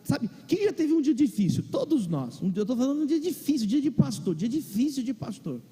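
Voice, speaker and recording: A man's voice: very high-pitched, very animated, a little fast, dark tone, slightly rough. A male pastor with a Brazilian Portuguese accent, preaching a sermon and telling a comic personal story to his congregation. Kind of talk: sermon with humorous personal anecdote. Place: large church or auditorium. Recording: long reverb of a large hall.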